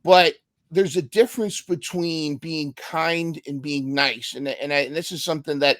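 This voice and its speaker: A man's voice: fairly high pitch, fairly even intonation, moderate pace, fairly bright tone, no echo, clean studio sound. A man hosting a casual podcast interview, thinking aloud and often repeating and restarting his words. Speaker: podcast host.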